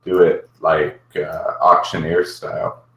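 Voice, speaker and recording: A man's voice: a bass voice, level tone, slow, a bit bright. A man joining a casual gaming chat, speaking in short, joking remarks. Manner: terse and joking. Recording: far from mic in a very echoey room.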